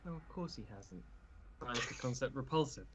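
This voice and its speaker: A man's voice: medium pitch, animated, normal speed, fairly bright tone, a little hiss or hum. A man playing a tabletop game, talking casually in and out of character.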